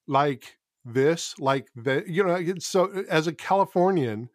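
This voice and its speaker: A man's voice: on the high side, animated, measured pace, no room sound, studio quality. A man chatting as a guest author on a podcast, chuckling often and joking about his own verbal habits. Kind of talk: casual podcast chat.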